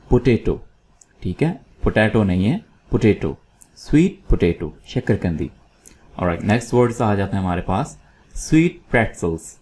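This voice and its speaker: A man teaching English food words in Urdu, repeating each word slowly for learners to copy. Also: fairly low pitch, mellow. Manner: slow, drilling words by repetition. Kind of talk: vocabulary lesson in Urdu.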